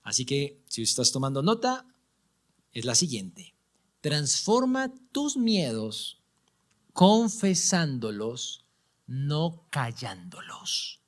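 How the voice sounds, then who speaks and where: Animated Colombian pastor, slow and dramatic. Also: male voice, medium pitch. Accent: Colombian Spanish. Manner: dramatic, swings from loud emphasis to hushed whispers. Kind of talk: sermon reading scripture aloud. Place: church.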